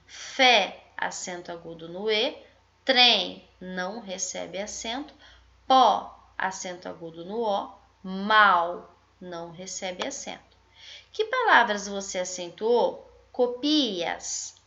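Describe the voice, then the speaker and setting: A young woman with a Brazilian accent, a primary school teacher, slowly correcting a worksheet and stretching out syllables to show where the stress falls. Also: mid-range voice, creaky, bright, forceful tone. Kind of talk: slow, deliberate lesson correction. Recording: dull lo-fi home recording.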